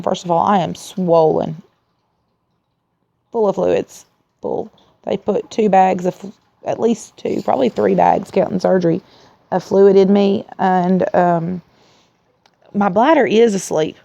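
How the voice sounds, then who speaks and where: A woman who sounds tired and weak after surgery, talking in a candid, rambling, low-energy way in a casual video diary, with a gravelly, creaky voice. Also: steady tone, measured pace, pauses often, mellow. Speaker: vlogger sharing surgery recovery. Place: at home in a recliner. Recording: dull, lo-fi sound.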